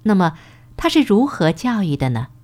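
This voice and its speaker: A woman reading a story passage aloud in a clear, carefully paced and expressive way, as in a formal recitation. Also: mid-range voice, moderate pace. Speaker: reader.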